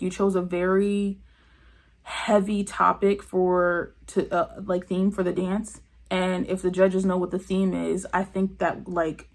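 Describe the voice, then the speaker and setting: A woman with a slightly low, gravelly voice reviews a television show in a loose, chatty way. She is candid and opinionated, and she leans on frequent fillers. She slips into little performances of the people she quotes. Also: darkish tone. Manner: acts out quoted people in her retelling. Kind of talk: casual opinionated commentary.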